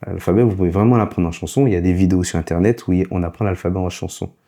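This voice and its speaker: A man with a low, mellow voice and a slight foreign accent gives a relaxed spoken lesson. He explains things patiently and goes back over the key points. His delivery is casual and steady. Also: rapid-fire. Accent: foreign accent in French. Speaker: teacher.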